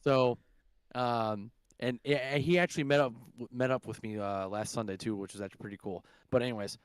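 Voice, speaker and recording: Young man, casual podcast chat, rambling, swears a lot, smooth voice, dry sound. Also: mid-range voice, brisk, no room sound. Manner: rambling, profane, lots of fillers. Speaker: podcast co-host.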